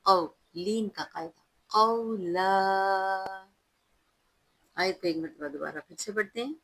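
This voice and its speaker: A woman teaching recitation, who alternates drawn-out chanted recitation with calm, patient spoken explanation. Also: fairly low pitch, gravelly, husky, poor audio. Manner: patient, instructive tone. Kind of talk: slow, careful recitation lesson.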